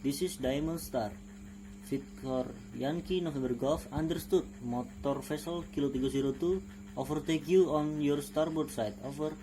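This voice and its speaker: A man's voice: on the high side, normal speed, close to an everyday voice, poor audio. A man playing a ship's officer in a marine radio demonstration, with formal, clipped call-sign phrases. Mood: formal, procedural.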